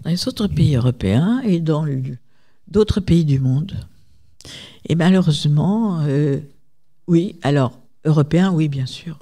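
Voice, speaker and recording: A woman researcher speaks as a guest at a conference in a deep, dark-toned voice at a measured pace. She talks emphatically, digresses, and frequently turns to address the audience directly.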